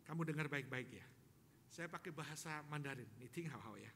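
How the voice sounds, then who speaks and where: A middle-aged man preaching a sermon in a church, moving between quiet asides and loud exclamations and telling humorous anecdotes to the congregation. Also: on the high side, animated, a little fast, slight background noise. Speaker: pastor. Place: church sanctuary. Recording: live church hall with long reverb.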